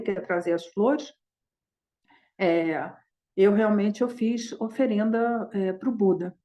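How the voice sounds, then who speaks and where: A woman's voice: medium pitch, warm tone, natural voice, poor audio. A woman voicing a humble flower gatherer who explains himself in an earnest, hesitant way as she retells a Buddhist story.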